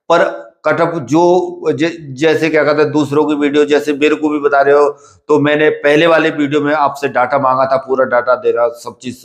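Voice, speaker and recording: A coach at a physical training academy that prepares recruits for the police and army gives exam candidates informal, instructive advice in a fatherly way. His voice sits on the high side, and he repeats himself, halts often on filler phrases and keeps checking that the students follow. The room is echoey.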